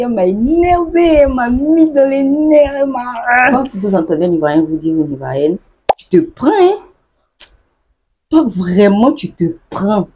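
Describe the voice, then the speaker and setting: A woman vlogger who laughs often and acts out the phrases she explains in a casual, lively way. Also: medium pitch, breathy edge. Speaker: YouTuber explaining local slang.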